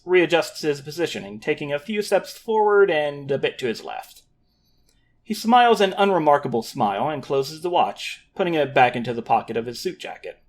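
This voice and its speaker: A man speaking as the game master of a tabletop role-playing game. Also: fairly high pitch. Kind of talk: scripted scene narration, then casual chat.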